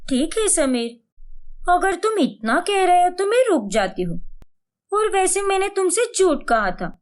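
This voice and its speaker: Sharp-tongued young cartoon wife with a lively, high voice, played by a woman. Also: unhurried, heavily acted. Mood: tender. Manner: retorting sharply.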